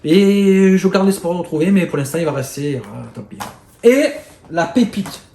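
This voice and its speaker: A man with a Marseille accent, chatting casually to camera about his bargain finds, excitable and rambling with lots of fillers and mild swearing. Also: sits high, normal speed. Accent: Marseille French. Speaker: video host showing flea-market finds. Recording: echoey room with faint noise.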